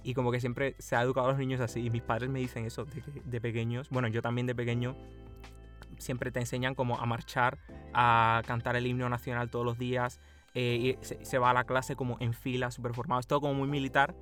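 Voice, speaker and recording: A young man with a Madrid accent and a Cuban touch chats as a podcast co-host. His voice sits at a mid pitch, and he laughs often and restarts his sentences. Faint music plays behind him. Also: level tone, a little fast, fairly bright tone. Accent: Madrid Spanish with a Cuban touch. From Cuba, raised partly in Spain. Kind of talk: casual chat.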